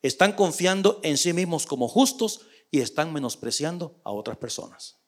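A man, a pastor preaching a sermon in an animated way and acting out quoted voices. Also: normal speed. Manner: animated preaching, voice rising high for emphasis, quoting in character voices.

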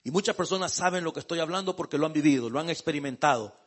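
A man's voice: a little high, very fast, fairly bright tone. A male pastor preaching a sermon. He talks conversationally, calls listeners brother, and builds to emphatic outbursts.

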